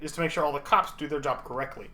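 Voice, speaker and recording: A man runs a tabletop role-playing game, narrating in a relaxed way. His voice sits a touch high, and he often pauses to think and restarts his sentences. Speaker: game master.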